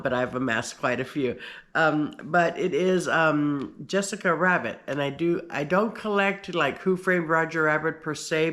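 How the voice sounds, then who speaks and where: A pin collector with a slight cold shows off his collection in a casual show-and-tell. His fairly high, somewhat bright voice sounds slightly nasal, and he rambles with lots of fillers and restarts.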